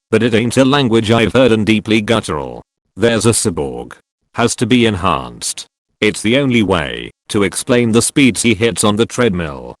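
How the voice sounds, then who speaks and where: Man, scripted narration, fairly low voice, even matter-of-fact delivery, dry studio sound. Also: dry recording. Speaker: narrator reading online posts.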